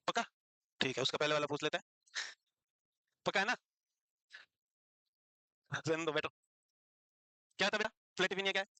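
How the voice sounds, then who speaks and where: A man lectures a classroom, teasing and scolding his students as he quizzes them. His voice sits high and rings bright and forceful. The sound is dry and close. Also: no echo, rough recording. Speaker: teacher.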